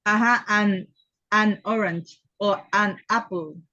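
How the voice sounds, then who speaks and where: A woman's voice: mid-range voice, fairly even intonation, takes it slowly, sharp tone, no room sound. A woman student asking questions in class, hesitant and searching for words. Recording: dry, lo-fi sound.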